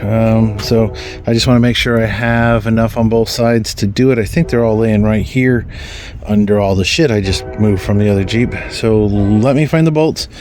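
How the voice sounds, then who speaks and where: A man's voice: fairly low pitch, steady tone, moderate pace, darkish tone, faint music behind. A man giving casual, rambling commentary outdoors while working on his own vehicle, full of ums and mild swearing. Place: outdoors in a yard beside a vehicle.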